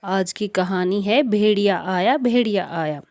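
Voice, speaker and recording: A woman narrating moral stories for children in a calm, deliberate reading style. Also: medium pitch. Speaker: storyteller. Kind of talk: storybook narration.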